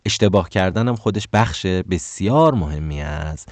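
A man's voice: sits low, animated, a little mellow, no echo. A man giving career advice in a casual monologue. He gets heated, stammers, corrects himself, and rises sharply when indignant. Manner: many stammers and self-corrections.

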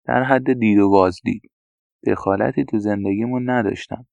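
Brief: a man playing a soft young man raised by women, confessional, gravelly low tone. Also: steady tone, dry recording. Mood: confiding. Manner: quiet, confessional recounting. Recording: dull, dry lo-fi recording.

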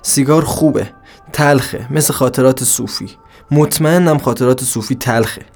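A man narrating an introspective dramatic monologue in a brooding, halting, bitter way. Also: mid-range voice, vocal fry, a little mellow, faint music behind.

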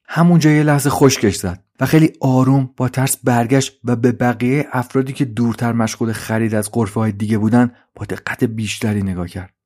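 Male narrator, calm measured audio-story read. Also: medium pitch. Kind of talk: scripted narration.

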